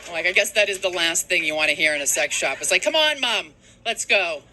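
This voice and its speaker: A woman comic in her thirties from Boston doing a stand-up set, telling stories in a deadpan way and dropping her voice low to mimic her mother. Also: fairly quick, background noise. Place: comedy stage before a live audience.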